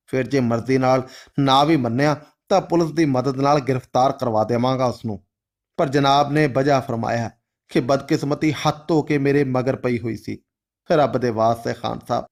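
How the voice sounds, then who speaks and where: A man's voice: mid-range voice, close to an everyday voice. A man voicing a frightened older man who pleads tearfully and deferentially.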